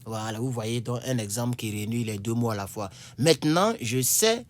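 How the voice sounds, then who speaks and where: A man giving a casual vocabulary lesson as an English teacher, repeating key words slowly and checking in often, with chatty, apologetic asides. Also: medium pitch, lively intonation.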